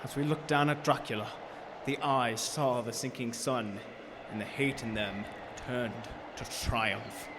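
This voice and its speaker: A man playing a grave, haunted gentleman, narrating a radio horror drama in a formal, measured way. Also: medium pitch, fairly even intonation, background noise, natural voice.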